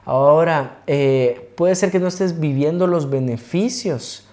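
A young man co-hosting a couples' faith talk, moving from casual chat into a calm, explanatory short sermon. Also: fairly high pitch, measured pace. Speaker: co-host and preacher.

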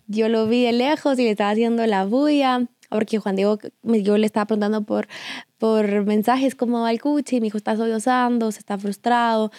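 Affectionate mom co-host. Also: female voice, on the high side, dark tone, no echo, clean studio sound. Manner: affectionate, laughs often. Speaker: co-host, mother. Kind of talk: casual chat.

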